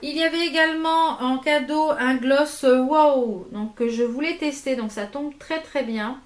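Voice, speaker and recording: A woman with a high voice chats casually through a makeup haul, pausing often with fillers as she shows each product. Her voice rings in a roomy, echoey space at home. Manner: hesitant, many fillers, shows products to camera. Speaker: beauty vlogger.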